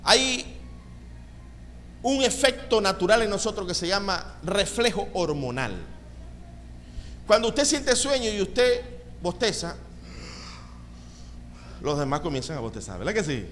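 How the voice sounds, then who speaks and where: Male pastor, lively sermon delivery, high voice, echoing church hall with faint ambience. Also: measured pace, long pauses, slight background noise. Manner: animated preaching with calls of amen.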